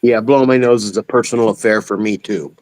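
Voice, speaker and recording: A man in his fifties joining a livestream as a guest over a video call, chatting in an easygoing way with quick laughs. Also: on the low side, fairly even intonation, a crowd in the background, low-quality recording. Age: 50s. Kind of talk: casual livestream chat.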